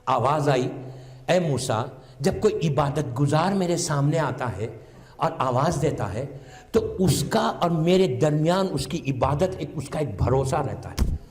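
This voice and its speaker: A man's voice: on the high side, lively intonation, slight background noise. A man preaching at a religious gathering, telling a story dramatically and acting out its dialogue, with English words mixed in. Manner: acts out dialogue in a rising, impassioned voice and sometimes shouts; mixes English words into his speech. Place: religious gathering hall with a live audience. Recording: long reverb of a large hall.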